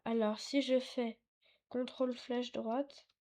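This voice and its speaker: Halting, slow-talking woman tutorial host. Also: a little high, little pitch movement, dark tone. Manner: hesitant, halting, full of fillers and self-corrections; apologetic and chatty. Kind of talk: casual screen-recorded tutorial. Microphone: desktop mic, sometimes too far away.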